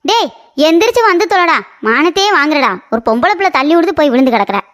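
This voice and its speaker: A woman voicing a high-pitched scolding mother. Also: animated, fast, a bit bright. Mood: quarrelsome. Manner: scolding, taunting. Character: scolding, quarrelsome middle-aged mother. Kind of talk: comic cartoon dubbing.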